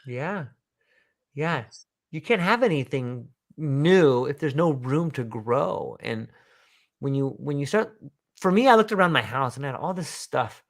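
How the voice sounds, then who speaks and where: A man's voice: mid-range voice, animated, measured pace. A man hosting a podcast interview, talking in a meandering, reflective way about creativity. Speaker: podcast host; father. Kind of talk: casual conversational interview.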